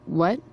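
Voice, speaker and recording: Game casting: teen rebel girl, slow, slangy, sarcastic delivery, faint noise behind. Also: on the low side. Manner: sarcastic, hesitant, casual slang. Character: wry rebellious teenage girl, casually teasing. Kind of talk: video game dialogue.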